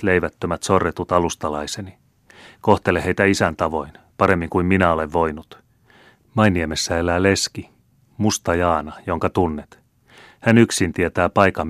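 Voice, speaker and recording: A man's voice: sits low, a bit bright, dry recording, studio quality. Man reading as a grave old general. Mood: solemn. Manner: grave and impassioned. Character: aging proud male general, father. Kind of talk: audiobook character reading.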